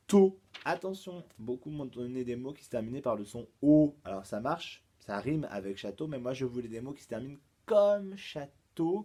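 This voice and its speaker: A man, a teacher giving a slow, patient home lesson to young children and repeating each step. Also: mid-range voice, warm tone. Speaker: kindergarten teacher.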